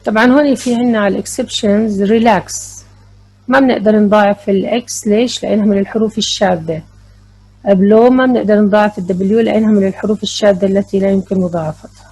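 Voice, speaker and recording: A woman's voice: mid-range voice, fairly even intonation, fast talker, a little mellow, slightly rough, rough recording. A woman teaching an English grammar lesson, mixing English with explanations and spelling out letters. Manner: switches between English and Arabic, spells out letters.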